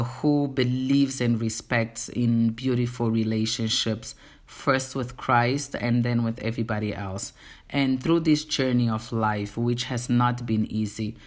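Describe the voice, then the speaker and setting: A native Portuguese speaker with a Portuguese accent and a bass voice hosts her own podcast. She delivers a casual, faith-centered monologue, speaking earnestly and directly to her listeners.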